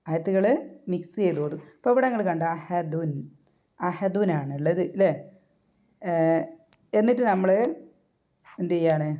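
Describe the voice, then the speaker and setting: A woman leads a recitation lesson in a mellow, warm tone. She repeats each word slowly and keeps putting questions to her learners. The recording sounds dull and lo-fi. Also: on the low side. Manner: patient, repeats words slowly and asks questions to guide learners. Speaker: Quran recitation teacher. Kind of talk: tajweed lesson.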